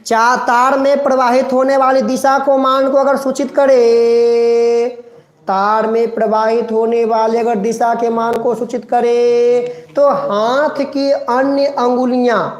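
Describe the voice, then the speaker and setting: A man's voice: extremely high pitch, flat delivery, slow pace. A male teacher gives a live online class, drilling a rule by repeating it and coaxing students by name to recite along. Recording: echoey room.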